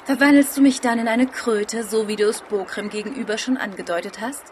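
A fairly high-voiced, sharp-tongued warrior woman as acted by a woman in a fantasy audio drama. She is sardonic and teasing, with faint ambient noise behind her. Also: fairly quick, close to an everyday voice. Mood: menacing.

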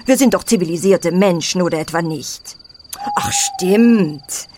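An actress playing a haughty, condescending blackmailer in a crime audio play. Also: female voice, lowish voice, expressive, measured pace, darkish tone, slight background noise. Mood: smug. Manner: haughty, mock-civil. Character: smug, condescending female blackmailer.

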